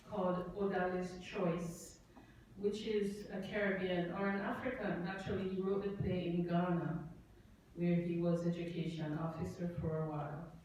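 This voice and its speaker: A middle-aged woman with a Jamaican accent speaks slowly and reflectively, pausing and restarting her thoughts. She sounds far from the microphone, caught in a very echoey event hall with a faint murmur of room noise behind her. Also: on the low side, mellow. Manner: reflective, halting, with many fillers and restarts. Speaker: poet speaking at a tribute event. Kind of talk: unscripted remarks before a reading.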